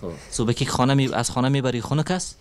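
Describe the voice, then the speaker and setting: A man, hosting a street interview with working children and asking them questions in a gentle, coaxing, soothing way full of endearments. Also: mid-range voice, smooth. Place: street outdoors.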